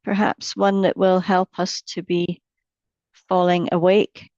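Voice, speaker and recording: A woman with a slightly low voice guides a mindfulness meditation, speaking very slowly and gently in short phrases separated by long pauses. Her tone is level, and the recording is dry, a little dull, with no echo.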